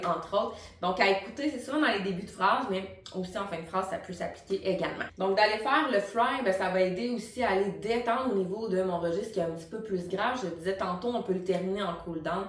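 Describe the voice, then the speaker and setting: A woman's voice: mid-range voice, fairly quick, few pauses. A woman with a Quebec French accent giving an informal, encouraging tutorial as a vocal coach, speaking directly to the viewer. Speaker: singing teacher and vocal coach. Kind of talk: tutorial explanation to camera. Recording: roomy echo, distant microphone.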